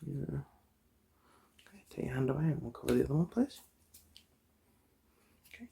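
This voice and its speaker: Playing an eye examiner in an ASMR roleplay, a man speaks in a soft, breathy half-whisper with a husky, gravelly edge, gently reassuring and chatty. His pitch is medium, his rhythm sing-song, his speed normal.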